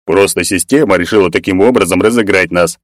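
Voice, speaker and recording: A man's voice: low-pitched, brisk, no room sound, studio quality, lightly acted. A man reading a scoffing, stubborn skeptic. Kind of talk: audiobook character reading.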